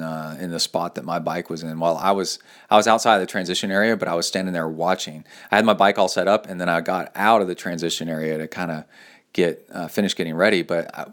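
A man hosting a podcast, telling stories and reading listener email in a loose, rambling, casual way. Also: deep voice. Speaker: podcast host. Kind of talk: casual solo podcast talk.

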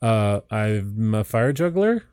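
A man's voice: on the low side, very animated, slow, darkish tone, smooth, no room sound, clean studio sound. A man chatting as a podcast guest in a rambling, easygoing way with many fillers. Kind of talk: casual chat.

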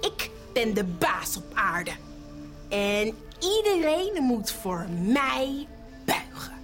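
A proud, scornful king from a storybook, put on by a woman in a high, swooping voice. He sneers, brags and yells, turning shrill when frightened. Faint music plays underneath. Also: big pitch swings, very slow, full character voice. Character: pompous boastful male Egyptian king.

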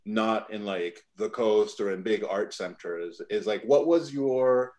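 A man's voice: fairly low pitch, slow pace, darkish tone. A man hosting a podcast interview, talking loosely with many "like" fillers. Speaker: podcast host. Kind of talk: conversational interview.

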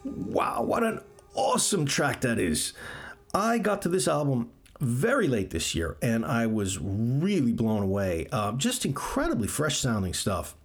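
A man's voice: medium pitch, huge pitch swings, measured pace, gravelly, breathy edge. A man hosting a music podcast, chatting casually and enthusiastically about albums, with frequent ums. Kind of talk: casual music radio chat.

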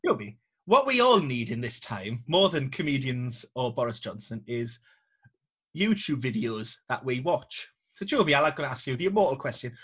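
A man's voice: mid-range voice, sing-song, moderate pace, a bit bright, husky. A man hosting a podcast over a video call, joking sarcastically and swearing freely. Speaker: podcast host. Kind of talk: casual chat.

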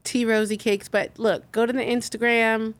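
A woman's voice: a little high, flat delivery, moderate pace, no room sound. A woman co-hosting a casual podcast, teasing her co-host bluntly and swearing freely.

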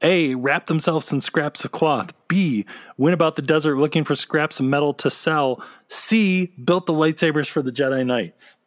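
A man's voice: on the high side, normal speed, dry recording, studio quality. Man co-hosting a casual fan podcast. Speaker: podcast co-host.

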